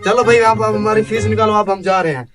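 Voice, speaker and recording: A man's voice: high voice, fairly even intonation, close to an everyday voice. A man playing a brash, bossy repairman who cheats his customer in a comedy sketch, with music playing behind. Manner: brash, bossy, sings boasts about himself. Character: swindling male solar repairman, cocky.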